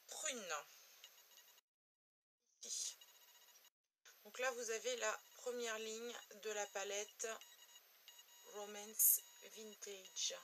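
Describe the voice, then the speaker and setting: A woman from France reviewing makeup swatches in a home beauty video, talking slowly and letting repeated words fade quietly. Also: mid-range voice, slight background noise, poor audio. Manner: slow, drawn-out, trails off quietly on repeated words. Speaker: beauty blogger.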